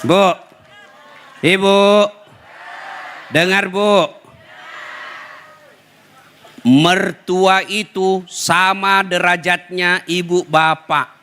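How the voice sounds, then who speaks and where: A man's voice: sits high, fairly even intonation, very slow, long pauses, bright, forceful tone, a little hiss or hum. A man with a Bugis accent giving a humorous sermon, teasing and addressing the audience directly. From Bugis, South Sulawesi, Indonesia. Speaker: preacher.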